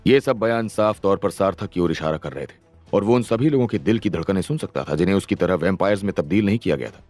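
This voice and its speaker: A man's voice: sits low, lively intonation, fast, a little mellow, faint music behind. Dramatic male story narrator. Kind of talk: scripted audio story narration.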